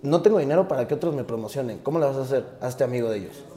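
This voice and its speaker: Young man, Mexican accent, mellow warm voice, earnest reflective storytelling. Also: medium pitch, lively intonation, rapid-fire. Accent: Mexican Spanish. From Tabasco, Mexico. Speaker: guest, rapper. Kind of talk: casual interview storytelling.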